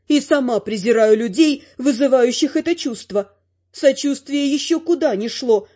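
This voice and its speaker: High-voiced woman reading an audiobook wryly. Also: warm tone, highs cut off. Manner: wry, ironic storytelling. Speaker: audiobook narrator. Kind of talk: first-person audiobook narration with voiced dialogue.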